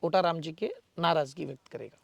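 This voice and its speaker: A man giving forceful, defiant answers in an interview as a local political figure, with emphatic rhetorical speech. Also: fairly high pitch, brisk, vocal fry, no echo.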